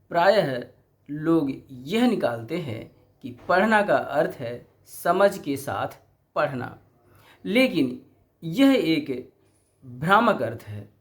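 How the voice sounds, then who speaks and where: Middle-aged male lecturer, unhurried, slightly high voice, rhetorical teaching manner. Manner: deliberate, poses rhetorical questions. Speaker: teacher educator. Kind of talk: explanatory lecture.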